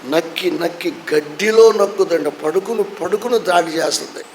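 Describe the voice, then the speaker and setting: A man's voice: high-pitched, normal speed, slight background noise, poor audio. A man in his sixties, a pastor, preaching a sermon that he tells as a story and acts out with voiced quotes. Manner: animated storytelling with acted quotes. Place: church hall.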